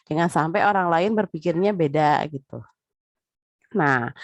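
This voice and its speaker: A woman's voice: mid-range voice, no room sound. Chatty woman lecturing. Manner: chatty, repeats filler tags, addresses listeners directly. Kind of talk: casual spoken lecture.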